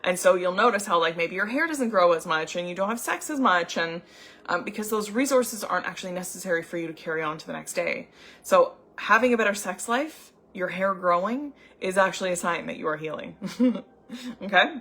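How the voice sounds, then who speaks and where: A young adult woman, an anxiety coach, telling a personal story in a chatty, animated way with many filler words. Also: on the low side, brisk. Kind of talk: casual storytelling vlog.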